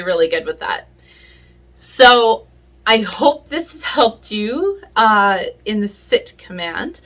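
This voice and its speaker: A woman casually explaining dog training in a home vlog, relaxed and chatty, with plenty of fillers. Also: mid-range voice. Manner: relaxed and chatty, with many fillers and little laughs. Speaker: pet vlogger. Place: home, indoors.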